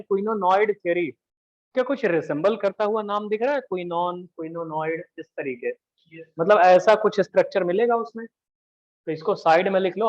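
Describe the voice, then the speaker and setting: In a fairly high voice, a man runs a live chemistry class with teasing, chatty patter, repeatedly checking whether students are following. The classroom recording is muffled and lo-fi.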